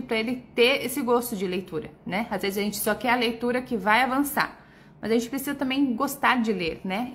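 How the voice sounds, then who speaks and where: A woman with a Brazilian accent answers viewer questions live. She has a slightly high voice and works as a literacy educator. She explains things patiently and often ends points with a quick tag question, with faint noise in the background. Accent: Brazilian Portuguese.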